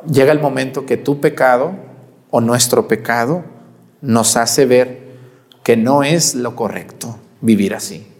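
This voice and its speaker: A man's voice: medium pitch, unhurried, long reverb tail. A man preaching a sermon, asking the congregation questions and answering them himself.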